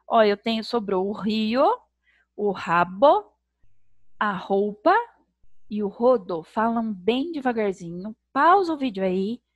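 Brazilian woman, primary teacher, slow lively sing-song delivery, spells out syllables, dry room. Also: a little high, no room sound. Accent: Brazilian Portuguese. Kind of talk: recorded video lesson for young children.

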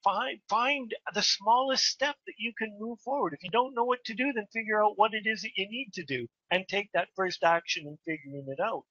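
A woman's voice: medium pitch, brisk, few pauses, a bit bright, no room sound. A woman hosting a spiritual interview, asking earnest questions and often restarting her sentences. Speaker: host. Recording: dull, muffled lo-fi sound.

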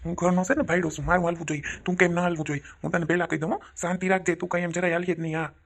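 A man's voice: sits high, level tone, rapid-fire, vocal fry, fairly bright tone, heavily acted. A man plays a stubborn, hot-headed village husband in a comedy sketch, answering back with blustering, defiant retorts. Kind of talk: comic village sketch acting.

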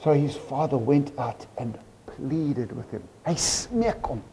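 A man with a South African accent preaching a sermon in church, animated and full of rhetorical questions to the congregation. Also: medium pitch, slow pace, creaky, slight background noise. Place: church service.

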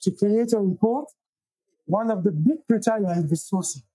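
A man from Belgium in his thirties, speaking in a high, husky voice with a warm, dark tone. He talks haltingly, restarting often. Dry, close sound from a lapel mic. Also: no room sound, poor audio. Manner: halting, many restarts and fillers. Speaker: guest, software engineer and founder. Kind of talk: casual interview. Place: small wood-paneled room, indoors.

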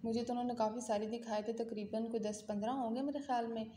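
Young Pakistani woman, home vlogger, warm higher voice, echoey room. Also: level tone, fast talker, a little hiss or hum. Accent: Pakistani Urdu. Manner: chatty, talks straight to viewers. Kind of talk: casual home vlog. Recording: echoey room, faint ambience.

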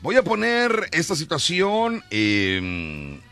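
A Mexican man hosts a comedy radio show, telling jokes and stories with a very lively, up-and-down voice. He restarts his sentences often and keeps things playful. Music plays clearly behind him. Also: fairly high pitch, slow. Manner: joking, lively storyteller with many restarts. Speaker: radio host. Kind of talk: comic morning radio talk.

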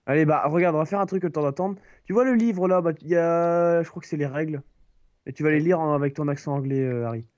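A man's voice: fairly high pitch, fast, a little mellow, no echo, studio quality. A man in a casual gaming chat with friends, joking and explaining the game plainly. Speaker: gamer playing with friends.

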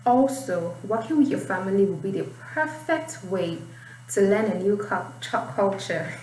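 A young adult woman with a Nigerian accent, her mid-range voice expressive, unhurried and a little mellow, teaches IELTS writing in a relaxed tutorial of explaining and reading aloud. Recorded in a small indoor room, the sound is roomy and distant, with faint noise.

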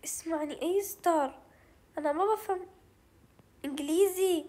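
This gaming channel host, a young woman with a Levantine Arabic accent, talks through her game in let's play style, musing aloud and mixing in English. Her voice is extremely high yet darkish in tone, and her pace is normal.

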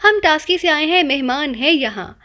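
A woman's voice: high-pitched, animated, bright, forceful tone. A woman voicing a cheeky young male spy who teases people with mock-polite, rambling wordplay, in an audiobook reading. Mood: playful teasing.

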